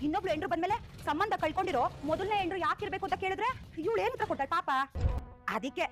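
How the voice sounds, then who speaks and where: A shrill, outspoken sister. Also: female voice, racing. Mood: teasing. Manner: teasing, outspoken. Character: outspoken woman of the household who teases her brother. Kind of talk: TV serial acting. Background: background music score.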